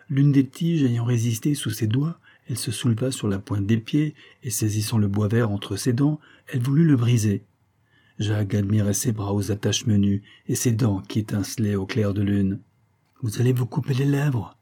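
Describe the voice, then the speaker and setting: A man reading a classic novel aloud as narrator, calm and even. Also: fairly low pitch, breathy edge. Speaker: reader. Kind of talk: audiobook narration.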